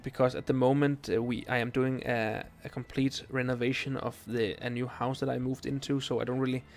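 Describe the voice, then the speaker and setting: A man's voice: mid-range voice, slight background noise. A young Danish man, not a native speaker, streaming a video game and chatting casually with viewers, with many ums and restarts. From Denmark. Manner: relaxed, halting, lots of ums and restarts. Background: faint game music.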